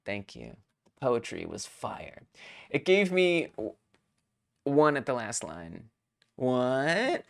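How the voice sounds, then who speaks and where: Low-voiced, lively young woman. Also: creaky. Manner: excitable, self-mocking, quick to laugh. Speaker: host of a game jam stream. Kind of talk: casual live-stream chat.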